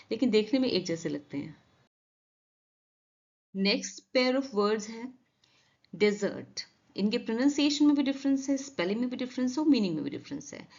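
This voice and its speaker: A woman teaching English vocabulary, reading example sentences slowly and explaining quickly. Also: a little high, darkish tone, muffled recording. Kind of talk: vocabulary lesson.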